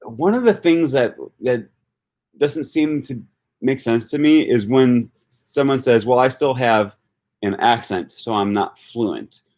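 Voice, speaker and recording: A language-learning YouTuber from Wisconsin, speaking with the local accent, casually answers viewer comments during a livestream. His mid-range voice is a little mellow and his pace measured, and he thinks out loud, often restarting and using fillers.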